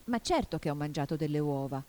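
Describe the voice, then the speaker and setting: A woman's voice: low-pitched, lively intonation, quick pace, warm tone. A woman voicing an earnest young girl in a storybook reading, exclaiming and protesting. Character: puzzled, earnest young girl in a fantasy world.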